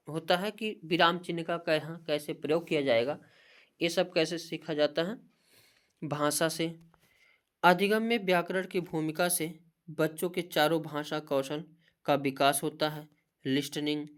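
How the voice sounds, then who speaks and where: With a mid-range voice, a Hindi teacher runs through exam-prep points in a steady, listing manner. She has a habit of asking a question mid-sentence and immediately answering it.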